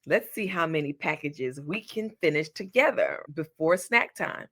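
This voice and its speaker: A woman's voice: low voice, animated, measured pace, fairly bright tone, heavily acted. A woman putting on a sing-song baby voice as a mom coaxing her child. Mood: playful. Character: mom using cutesy baby talk with a child.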